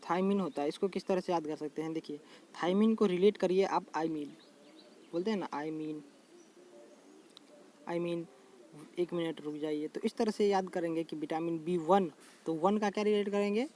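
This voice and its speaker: This man has a high, dark voice and explains general knowledge casually, repeating himself often. Viewers are called friends, terms get repeated slowly, and a faint background noise runs under the recording.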